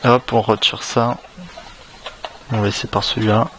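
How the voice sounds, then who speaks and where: Low, flat-voiced French man unboxing a phone. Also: a little slow, heavy background noise. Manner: hesitant, many fillers and restarts; casual, relaxed. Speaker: tech reviewer. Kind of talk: unboxing commentary.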